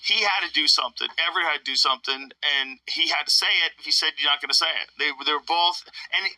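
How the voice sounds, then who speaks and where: A man's voice: on the high side, quick pace, sharp tone, dry recording, recorded from a distance, low-quality recording. Man riffing on a comedy podcast. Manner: musing, riffing. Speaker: podcast co-host. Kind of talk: casual comedy podcast chat.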